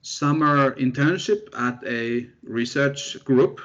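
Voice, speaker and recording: A young man talks through his path into research in a loose, self-deprecating way. His pitch sits mid-range for a man. The audio is muffled and lo-fi. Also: slow pace. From Finland. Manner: relaxed, self-deprecating storytelling. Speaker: guest scientist, postdoctoral researcher. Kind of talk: casual interview chat. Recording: dull lo-fi audio.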